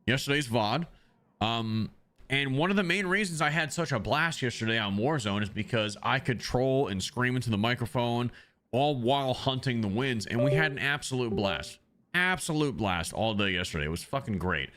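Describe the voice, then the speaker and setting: Hiccuping through a casual livestream, a man talks loosely to his viewers over a desk mic, rambling and saying um a lot. His mid-range voice is a bit bright, with lively intonation at normal speed.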